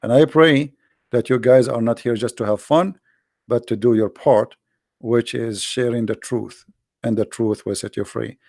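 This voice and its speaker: An emphatic man with an Arabic accent hosts an impassioned, informal monologue for an online audience as a religious polemicist, bluntly repeating phrases and throwing out rhetorical questions. His mid-range voice is a little mellow, with vocal fry, fairly even intonation and an unhurried pace. The recording is clean studio sound, free of echo.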